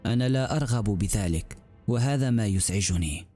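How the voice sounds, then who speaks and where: A man's voice: on the low side, lively intonation, fairly quick, mellow, faint music behind. A man voicing a cold, bitter male demon lord who speaks with mocking weariness.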